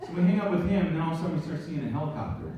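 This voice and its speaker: A man's voice: a little high, animated, very fast, distant mic, dull audio, crowd noise. A man joking and chiming in casually on stage during a guest's story. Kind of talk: casual onstage banter. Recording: very echoey hall, mic from afar, noisy.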